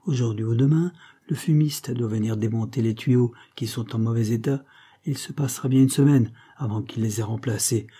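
A man reading an audiobook and voicing a cheeky young male floor washer, who talks in a brisk, slangy, knowing way. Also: medium pitch, warm tone, breathy edge, lightly acted. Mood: sly. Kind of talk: audiobook character voice.

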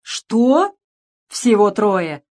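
A woman reading a storybook, voicing a big, brash male outlaw who mocks and threatens loudly. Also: on the high side, expressive, normal speed, voice pushed up. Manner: sneering, loud.

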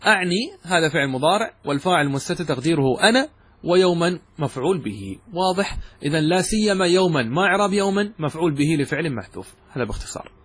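A man's voice: fairly high pitch, animated, quick pace, a bit bright, breathy edge. A man teaching grammar in a classroom lesson, explaining step by step and quizzing his students.

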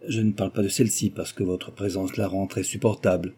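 A man's voice: low voice, level tone, a little fast, warm tone, breathy edge. A man reading aloud, voicing a frivolous, gossiping young aristocratic lady who talks flippantly and teases. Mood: gossipy, mocking. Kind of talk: audiobook character reading.

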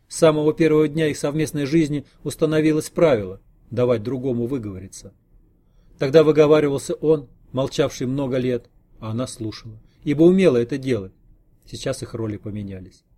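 A man reading a novel aloud as an audiobook narrator, in measured, even storytelling. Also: mid-range voice. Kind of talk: scripted narration.

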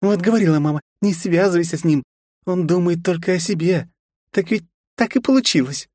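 Brief: male reader doing a high, scornful huntress, cold and ready to explode. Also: a little fast, a little mellow, no room sound, studio quality. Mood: shrieking. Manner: cold then shrieking, abusive. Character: fierce adult woman hunter, volatile wife.

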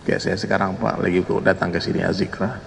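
A man preaching a sermon and telling animated stories, often turning to address his listeners directly. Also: sits low, brisk, vocal fry, long reverb tail, slight background noise. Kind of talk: humorous sermon storytelling.

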